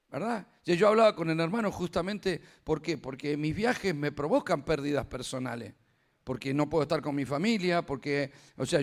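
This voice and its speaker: An older man preaching a sermon, emphatic and returning again and again to firm refrains. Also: a little high.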